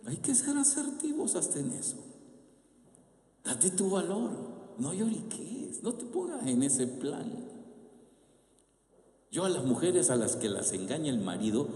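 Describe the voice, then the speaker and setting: Male preacher, Salvadoran accent, expressive sermon delivery, roomy echoey hall. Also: on the high side, unhurried, long pauses. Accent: Salvadoran Spanish. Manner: animated preaching, rhetorical questions to the audience. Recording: echoey hall with long reverb.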